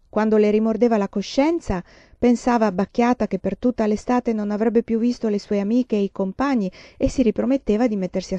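A woman reads a storybook aloud in a calm, even way. Her voice is mellow and soft rather than bright. The recording is dry and dull, with a muffled top end. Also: medium pitch, no room sound. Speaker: reader. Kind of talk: storybook reading.

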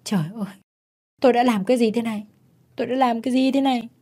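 A woman's voice: fairly high pitch, fairly even intonation, racing, warm tone, voice pushed up. A woman voicing a distraught young mother, panicked and stunned, in a spoken story.

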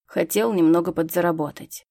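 A woman voicing a sullen, mocking young male werewolf thief in a low, gruff put-on voice for an audiobook. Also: steady tone, brisk, dark tone, dry recording, clean studio sound. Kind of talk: audiobook character voice.

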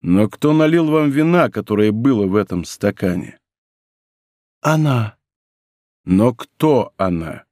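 A man doing a grim, slow-speaking nobleman. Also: animated, mellow, no echo, studio quality. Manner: slow, low, heavy deliberate speech. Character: grave older nobleman, stern, grim, restrained. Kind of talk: audiobook role reading.

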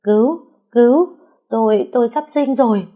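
A woman voicing a defiant young pregnant wife who barks orders in a shrill voice. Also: lively intonation, moderate pace, darkish tone. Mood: crying out. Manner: shrill, commanding.

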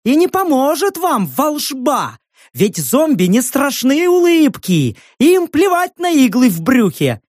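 A woman's voice: high voice, wildly swooping pitch, takes it slowly, darkish tone, no echo, clean studio sound, voice pushed up, full character voice. A woman reading an audiobook, voicing a crazed old woman who wails and shrieks in a hollow, half-mechanical voice. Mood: shrieking doom.

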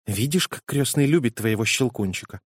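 A man's voice: mid-range voice, animated, brisk, husky, no room sound, clean studio sound. A man doing a prim reproving mother.

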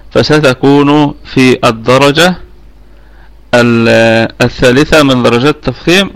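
A man with an Egyptian Arabic accent teaching an online tajweed lesson. He explains each rule step by step, repeats himself, and pauses on fillers. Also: mid-range voice, vocal fry, fairly bright tone. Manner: hesitant fillers while explaining. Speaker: Quran recitation teacher.

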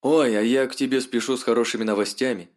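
A man's voice: medium pitch, fairly even intonation, fast talker, pitched above the performer's own voice, close to an everyday voice. A man voicing a sly, mocking noblewoman who talks down to her caller.

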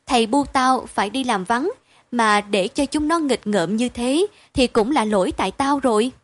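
A woman's voice: fairly high pitch, dry recording, lightly acted. A woman reading aloud and voicing a spirited poor village girl, the eldest sister, blunt and caring. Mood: matter-of-fact. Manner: brisk, blunt and matter-of-fact.

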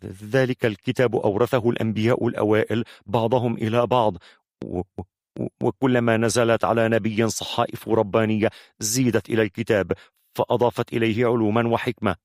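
A man's voice: lowish voice, steady tone, a little fast, darkish tone, no room sound, studio quality, lightly acted. A man voicing a nervous male storyteller of hidden lore who stammers heavily on his first sounds. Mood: nervous, secretive. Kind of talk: audiobook character voice.

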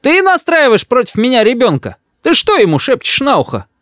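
A man voicing a fussy, doting old grandmother who scolds and exclaims in a high voice. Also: very animated, normal speed, no room sound, clean studio sound. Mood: shrill outrage.

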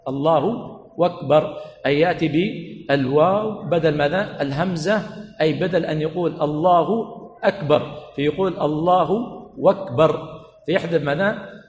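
Man lecturing in an echoey hall. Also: a little high. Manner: prompts students with repeated questions, stretches words slowly. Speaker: sheikh teaching a religious lesson. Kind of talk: classroom lecture. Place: teaching center hall. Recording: echoey hall with long reverb, faint room noise.

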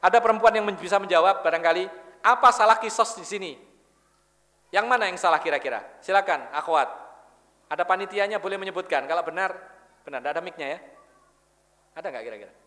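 A man's voice: high voice, quick pace, long pauses, pushed and bright. A man giving a religious lecture in a mosque, telling stories and putting questions to the audience. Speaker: Islamic preacher. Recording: long reverb of a mosque hall.

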